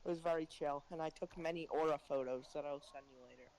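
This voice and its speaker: A man's voice: a little high, steady tone, quick pace, over a noisy crowd, low-quality recording. A man co-hosting a casual podcast, laid-back and filling his talk with likes and yeahs. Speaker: podcast co-host.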